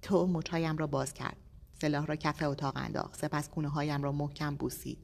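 Low-voiced woman narrating an audiobook. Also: level tone, vocal fry. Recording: long echoey reverb.

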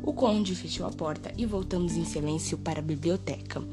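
A woman reading a first-person classic horror novel aloud, with expressive, dramatic emphasis. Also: fairly low pitch, fairly quick, soft background music. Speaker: audiobook reader.

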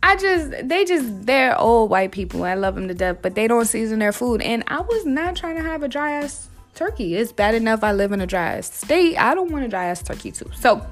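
A young woman casually telling a wild story to her listeners, animated and swearing freely, calling them y'all. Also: a little high, moderate pace, few pauses, soft background music.

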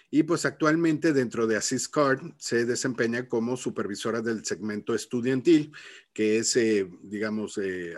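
A male podcast host speaks in a fairly low voice with a very dry sound. He introduces and chats in a conversational way, halting and repeating words as he builds each phrase. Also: no room sound. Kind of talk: conversational interview hosting.

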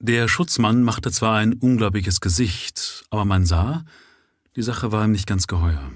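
A man sight-reads a classic novel live in a steady storytelling delivery. His voice sits low and husky, close to a dry microphone. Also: unhurried, no echo. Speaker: audiobook reader.

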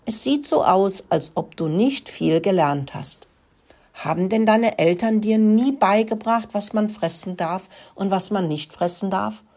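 A woman voicing a calm, patient father mouse explaining things in a storybook reading. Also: mid-range voice, a little slow.

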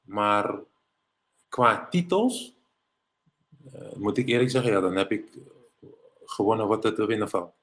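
Dutch ex-pro baller telling locker-room stories. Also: male voice, on the low side, measured pace, pauses often. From Netherlands. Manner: animated anecdotes, mimics others in English quotes. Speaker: guest, former pro basketball player. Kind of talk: casual storytelling interview.

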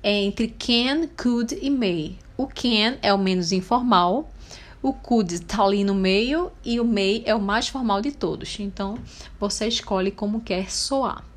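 A woman with a Brazilian Portuguese accent teaching English phrases, repeating each model sentence slowly and clearly. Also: medium pitch.

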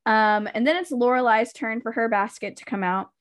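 A woman's voice: on the high side, normal speed, no room sound, studio quality. A woman hosting a podcast, recapping TV episodes in a chatty, rambling way, full of ums and likes. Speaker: podcast host.

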